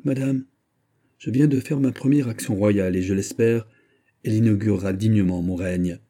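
A man voicing a young king who speaks gravely and firmly, with a touch of irony, in a husky voice. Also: lowish voice, normal speed, mellow, natural voice. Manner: grave, firm, slightly ironic. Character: young king, grave beyond his years.

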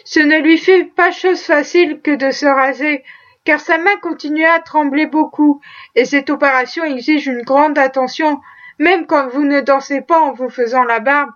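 Female audiobook narrator, high pitch, measured storytelling delivery, somewhat dull lo-fi recording. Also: steady tone, a bit bright. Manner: measured storytelling, lightly voicing characters. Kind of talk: audiobook reading of a classic tale.

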